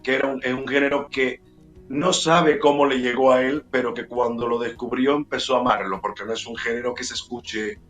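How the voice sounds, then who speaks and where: A man's voice: mid-range voice, steady tone, fairly quick, a bit bright, faint music behind. A middle-aged man from Cuba, an actor and playwright, answering interview questions with many fillers and restarts.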